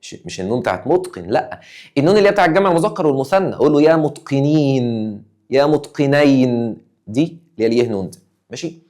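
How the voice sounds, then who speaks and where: A man's voice: mid-range voice, very animated, racing, a little mellow. A young man with an Egyptian Arabic accent, a teacher giving an exam review lesson, emphatic and acting out his students' questions.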